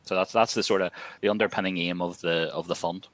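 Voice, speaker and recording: A man explains the aims of a fund in a measured way. His voice is very deep and flat, yet bright in tone. The sound is dry and close. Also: no room sound. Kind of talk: panel talk.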